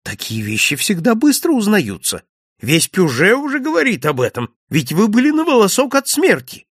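A man voicing a chatty, jovial male village innkeeper in an audiobook, pitching his voice up and sounding excitable. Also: normal speed, husky, no echo, clean studio sound, exaggerated voice. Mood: teasing.

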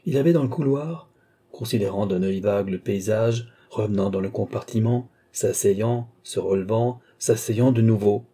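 A man narrating a short story in a measured storytelling manner. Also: lowish voice, dark tone, husky.

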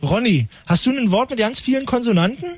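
High husky radio host. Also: male voice, lively intonation, fairly quick, dry recording. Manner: ironic, rambling, mock-pompous. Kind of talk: late-night call-in radio banter.

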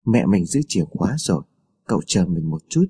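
A man voicing a sickly, timid young girl, speaking softly and pleadingly, in a husky voice. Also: mid-range voice, sing-song, brisk, pitched below the performer's own voice. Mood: worried. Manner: soft, pleading.

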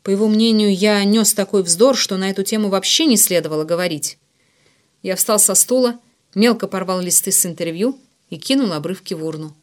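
A woman narrating an audiobook in the first person, in a measured, steady way. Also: mid-range voice.

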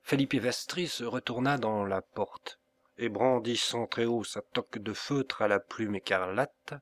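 A man reading a classic novel aloud as an audiobook narrator, in a slow, measured and expressive way. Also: mid-range voice, no room sound. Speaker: audiobook reader.

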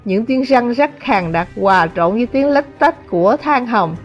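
A woman narrating a translated novel as an audiobook, in a measured, dramatic reading. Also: on the high side, animated, soft background music. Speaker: audiobook reader.

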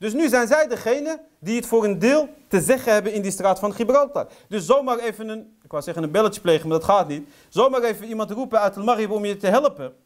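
High-voiced man giving an impassioned history lecture. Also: animated, quick pace, few pauses. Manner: storytelling with rhetorical questions; heated, indignant.

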